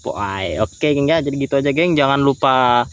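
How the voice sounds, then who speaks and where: A young man vlogging his fishing trip chats casually outdoors by the water in the countryside, adding a friendly filler word to almost every phrase. His mid-range voice is lively, moderately paced and a bit bright, with crickets, insects and a little hiss or hum behind him.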